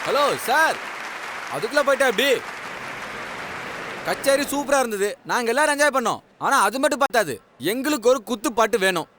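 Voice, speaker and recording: A man's voice: extremely high pitch, lively intonation, brisk, long pauses, long reverb tail, a crowd in the background, background noise. A man dubbing a film role as a pushy, playful young college student. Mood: teasing.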